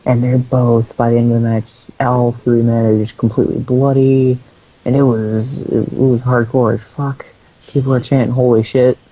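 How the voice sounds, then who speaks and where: A man's voice: medium pitch, level tone, moderate pace, warm tone. A man co-hosting a podcast, recapping in casual comedic chat, rambling with crude jokes and lots of fillers. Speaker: podcast co-host. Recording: dull lo-fi sound.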